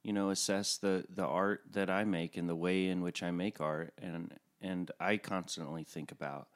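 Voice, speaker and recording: Deep-voiced reflective male podcast host. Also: fairly even intonation, moderate pace. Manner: earnest and reflective, sometimes joking. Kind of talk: casual interview chat.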